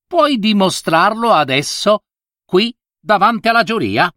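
A man playing a harsh, shrill storybook monkey. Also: expressive, unhurried, bright, forceful tone, dry recording, clean studio sound, full character voice. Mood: insistent. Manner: pushy, insistent. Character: shrewd female monkey judge, sharp-tongued.

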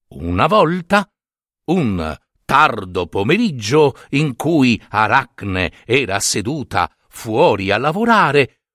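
A man narrating a myth as a storyteller, lively and theatrical, giving each character a voice. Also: mid-range voice, no room sound, studio quality.

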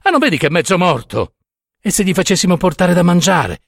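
A man's voice: on the high side, very animated, normal speed, slightly rough, no room sound, studio quality, voice pushed up, heavily acted. A man doing a flustered, breathless husband. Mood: exasperated. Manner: panting, pleading then exasperated.

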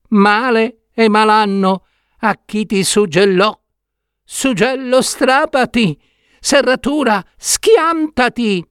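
A man voicing a tiny enchanted young prince trapped in a box, begging in a thin, high little voice. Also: fairly bright tone, smooth, no echo, studio quality. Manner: begging, repeating his plea.

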